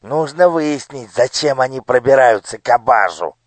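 A man voicing a cruel male minister with a squeaky, shrill voice in an audiobook. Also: lively intonation, normal speed, no echo, close to an everyday voice. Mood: furious. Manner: menacing, shouting threats. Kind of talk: audiobook character voice.

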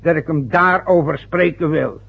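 This vintage radio play features an actor voicing the newly married son's father, a stubborn and hurt older man who rambles, lectures, and complains with plenty of hesitations. His voice sits fairly high, with vocal fry and a breathy edge, fairly even intonation, and normal speed, all captured on a dull, lo-fi old radio recording.

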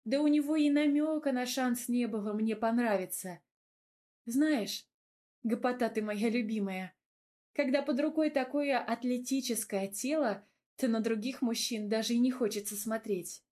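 A woman voicing a playful, sharp-tongued young heroine in an audiobook, lifting her voice noticeably higher and brighter. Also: normal speed, close to an everyday voice. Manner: bright, raised, teasing delivery.

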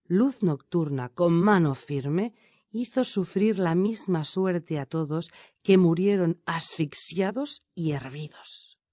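A woman reading a storybook tale aloud in a steady, measured narration. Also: on the low side, no echo.

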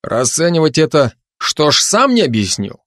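A man's voice: on the high side, very animated, moderate pace, a bit bright, no echo, voice pushed up. A man voicing a wry, grumbling male constable who bickers sarcastically with a cat in an audiobook. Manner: dry, sardonic, chatty banter with a cat.

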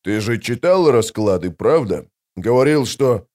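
A man narrating an audiobook, voicing a gruff, grumbling male sapper. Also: mid-range voice, animated, a little slow, darkish tone, natural voice. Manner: grumbling, blunt.

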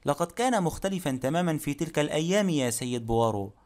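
A man's voice: on the high side, expressive, fast, darkish tone. A man reading an audiobook, voicing a stubborn, self-assured elderly widowed woman who speaks firmly. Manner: firm, self-assured speech.

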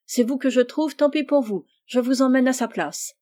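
A woman voicing a kind, jovial middle-aged uncle in a read-aloud story, hurried and coaxing. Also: sits high, mellow, pitched above the performer's own voice, close to an everyday voice. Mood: urging.

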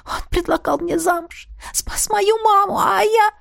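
A woman voicing a naive, ashamed young woman who sobs in a high, breathy voice in an audiobook. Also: fairly quick. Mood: sobbing. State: sobbing. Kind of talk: audiobook reading.

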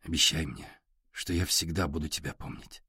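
A soft-voiced, emotional young man speaks quietly and haltingly, as a male narrator puts him on. His low voice is dry and close to the mic. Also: slightly rough, no room sound. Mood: tender. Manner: quiet, near-whispered, halting. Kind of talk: audiobook character reading.

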